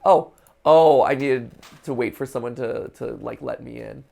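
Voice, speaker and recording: A man's voice: medium pitch, measured pace, gravelly, darkish tone. A man hosting a video game stream, chatting, joking and thinking aloud as he plays. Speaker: host playing a video game. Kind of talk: casual let's-play commentary.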